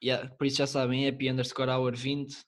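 A man's voice: medium pitch, completely flat delivery, a little fast. A young man with a Lisbon Portuguese accent co-hosting a podcast, chatting casually in heavy slang and swearing freely. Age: young adult. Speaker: podcast co-host. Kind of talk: casual chat. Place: online call.

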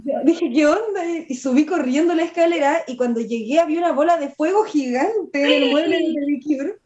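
A Chilean woman, a nail artist and tattooist, telling funny anecdotes in casual chat, animated and laughing as she goes. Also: sits high, a little fast. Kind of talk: casual storytelling. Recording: muffled lo-fi audio.

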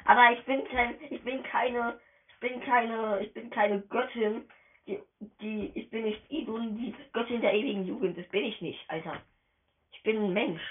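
A woman giving casual, excitable let's-play commentary as she plays, chatty and slangy, often tripping over her words. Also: a little high, moderate pace. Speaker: gamer narrating her play. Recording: tinny phone-quality voice message.

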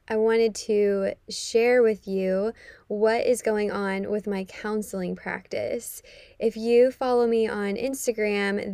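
A woman's voice: medium pitch, vocal fry, darkish tone, no echo, clean studio sound. A young American woman from the Midwest hosting a casual solo podcast, her voice muffled from recording inside a closet. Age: young adult. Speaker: podcast host and counselor. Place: dark closet at home.

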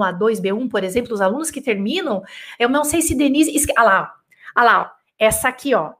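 High-voiced woman teaching French live. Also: fairly bright tone. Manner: encouraging, chatty, reads viewer comments aloud. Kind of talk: live online lesson.

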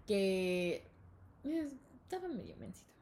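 A young woman with a Mexican accent telling a school story in casual chat, lively and full of laughter. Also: takes it slowly. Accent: Mexican Spanish. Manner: animated, laughing, acts out quotes in high voices.

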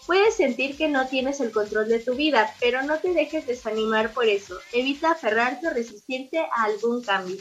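A high-pitched woman with a husky, breathy tone reads horoscopes sign by sign. Her voice comes through a dull, muffled connection. She keeps an even, unhurried reading pace. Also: soft background music. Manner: steady reading, lightly informal. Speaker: horoscope reader. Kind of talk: reading horoscopes on a radio show.

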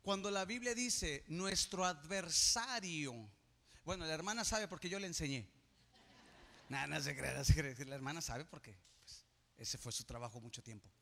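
Bright-voiced preaching pastor, man. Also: on the high side, normal speed, creaky. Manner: preaching, swelling to loud emphatic peaks. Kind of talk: sermon. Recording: reverberant church hall.

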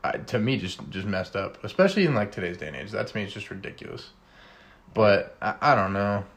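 Low gravelly guy hosting a chill chat, lots of likes and ums. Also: brisk. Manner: relaxed, conversational, frequent fillers. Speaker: host. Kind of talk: casual chat.

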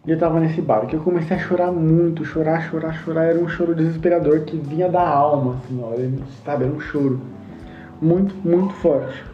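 A man's voice: a little high, fairly even intonation, a little fast. A man telling a personal testimony in an earnest way, acting out the dialogue he remembers. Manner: earnest, acts out quoted dialogue. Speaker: storyteller. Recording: roomy, dull lo-fi sound with faint guitar.

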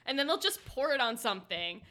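American woman, higher bright voice, chatting casually. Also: sing-song, brisk. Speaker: podcast co-host. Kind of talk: casual chat.

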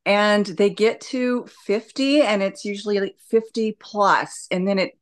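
A woman's voice: mid-range voice, unhurried. A woman answering interview questions conversationally as a hospice nurse and educator, reflective and explanatory.

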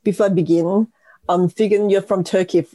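A woman from South Korea, a polite guest who pauses often with fillers. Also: mid-range voice, fairly even intonation, mellow. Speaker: guest, analytics executive. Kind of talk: podcast interview.

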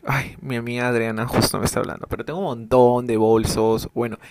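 A young man, a clothing brand owner, hosts a casual solo podcast without a dedicated microphone, rambling and drifting off topic. His mid-range voice is level and brisk, with background noise.

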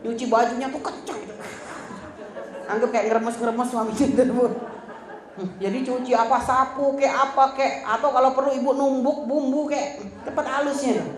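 High-voiced woman preacher, chatty and teasing. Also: fairly even intonation, moderate pace, a crowd in the background. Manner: chatty, teasing, acts out quoted lines. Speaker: religious teacher. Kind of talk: religious talk to women. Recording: roomy hall with faint ambience.

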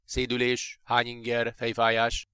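Egy nyugodt, gondoskodó mentőápoló, egy férfi felolvasásában, aki tárgyilagosan, higgadtan kérdez és tanácsot ad. A hang száraz, visszhang nélküli. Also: male voice, mid-range voice, monotone, bright, forceful tone, smooth, dry recording, studio quality, natural voice. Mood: calm. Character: calm, caring male paramedic.

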